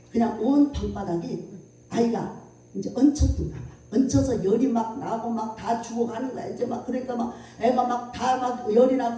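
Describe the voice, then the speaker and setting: A woman pastor giving a revival sermon with a personal testimony, telling it in an animated way, acting out voices and laughing often, recorded from far off in an echoey hall. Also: on the high side. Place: church prayer house at a revival meeting.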